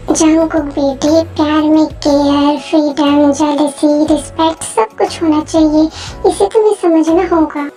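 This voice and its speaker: A woman's voice: high-pitched, steady tone, unhurried, warm tone, soft background music. A woman voicing a worried, nagging mother who waits up late, in an amateur dubbed story. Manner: nagging, scolding.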